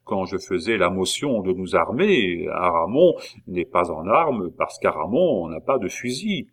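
A man's voice: low voice, big pitch swings, unhurried, full character voice. A man reading aloud and voicing a boastful but hesitant young man in an audiobook. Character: boastful, wary young man back from the city.

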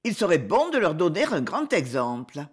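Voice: mid-range voice, huge pitch swings, normal speed, breathy edge. Lance Levé, an old would-be pirate captain, read aloud. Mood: grumbling. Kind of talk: audiobook reading.

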